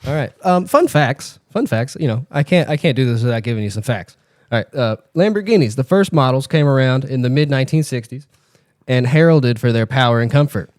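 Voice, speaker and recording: A man co-hosting a podcast, running a spelling game with teasing banter and spelling words out slowly. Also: medium pitch, lively intonation, a little mellow, dry recording, studio quality.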